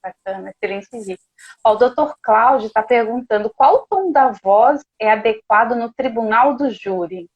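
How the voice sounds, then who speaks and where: Female live-stream host, casual, passes on viewer questions; fairly high voice, muffled video-call sound. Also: lively intonation, normal speed, breathy edge. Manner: chatty, relays audience questions.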